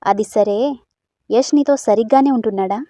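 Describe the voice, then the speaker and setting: A woman playing a teasing sister-in-law, questioning manner, mellow voice, dry sound, storybook. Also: medium pitch, moderate pace, no room sound, lightly acted. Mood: teasing curious.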